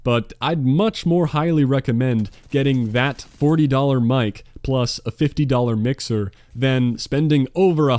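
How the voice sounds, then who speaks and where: Here a young man in his twenties, a gaming YouTuber, fields questions from viewers, mocking himself with flat, sarcastic wit. The mid-pitched, darkish voice comes through dry, recorded at home with a stand-mounted dynamic mic.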